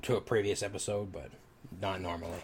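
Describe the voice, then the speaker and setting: A man in a relaxed podcast chat, rambling and filling pauses with "like" and "um". His voice is very deep. He swears casually as he talks. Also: breathy edge. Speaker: podcast co-host.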